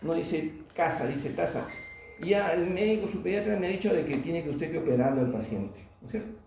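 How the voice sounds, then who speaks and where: An oral surgery lecturer addresses a class from a distance in a very echoey room, with faint noise underneath. His voice is dark and gravelly yet fairly high-pitched, and he speaks fast. He keeps asking the students questions and tags his points with "¿no?"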